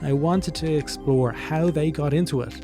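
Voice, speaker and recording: A man hosting a podcast, asking easygoing, measured questions. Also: fairly high pitch, over music. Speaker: podcast host. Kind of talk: podcast interviewing.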